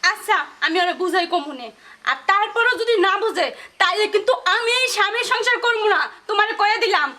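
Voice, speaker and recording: An actress playing a sharp-tongued young married daughter who talks back to her mother. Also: very high-pitched, fairly quick. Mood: sassy. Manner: sharp, sassy back-talk. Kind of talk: rural comedy drama acting.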